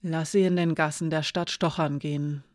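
A reader voicing a calm, self-assured woman who speaks quietly and steadily, in a dry audiobook reading. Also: mid-range voice, moderate pace, dry recording, lightly acted. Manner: calm and soft-spoken.

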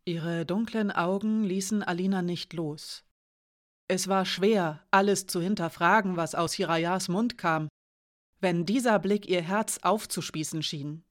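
Low-voiced woman reading a novel. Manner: measured, expressive reading. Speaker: audiobook narrator. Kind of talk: scripted novel narration.

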